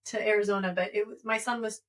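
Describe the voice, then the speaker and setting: A woman's voice: mid-range voice, steady tone, fast, distant mic. A woman co-hosting a podcast, chatting bluntly and swearing casually. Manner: blunt and profane. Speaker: podcast co-host. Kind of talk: casual chat.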